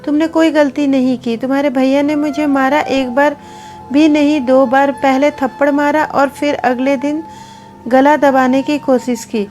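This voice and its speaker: A woman's voice: high-pitched, fairly even intonation, measured pace, faint music behind. Woman reading as an angry hurt young wife. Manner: sharp, exasperated delivery. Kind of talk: storybook reading.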